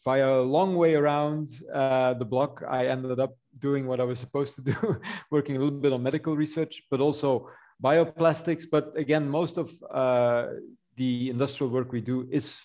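A middle-aged man from Belgium giving an online conference talk over a video call, relaxed and rambling with many fillers. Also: mid-range voice, normal speed, lo-fi sound. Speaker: university yeast researcher presenting.

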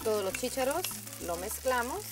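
Her voice on the high side, a woman leads a scripted cooking demo at a moderate pace, with lively intonation. She takes her "friends" through the recipe step by step, upbeat and friendly, with music playing under her.

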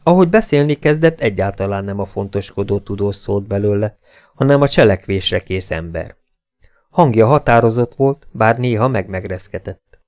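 A man narrating an adventure audiobook in a dramatic, measured storytelling manner. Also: lowish voice, animated, a little mellow.

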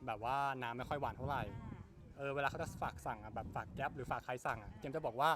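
A man's voice: medium pitch, fast talker. A young man, an actor, teasing his co-star while telling a story in a casual interview.

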